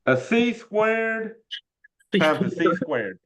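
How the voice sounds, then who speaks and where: This Southern US man teaches algebra informally, folksy and full of "y'all", working problems step by step in an indoor online video class. His voice sits high with big pitch swings, is a bit bright, and moves slowly. The class audio is dull and lo-fi.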